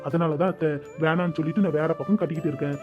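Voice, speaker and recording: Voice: medium pitch, expressive, racing, close to an everyday voice. A performer voicing a defiant young man in a cartoon, arguing back at his aunt. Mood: pleading. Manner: protesting, argumentative. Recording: dull lo-fi audio with faint music.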